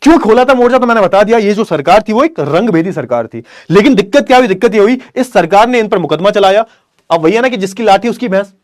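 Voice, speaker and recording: Male online tutor, high pitch, dead-dry mic, question-and-answer lecturing with lots of repetition. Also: lively intonation, quick pace, no echo. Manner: explains by asking and answering his own questions; repeats key phrases, calls students beta. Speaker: teacher.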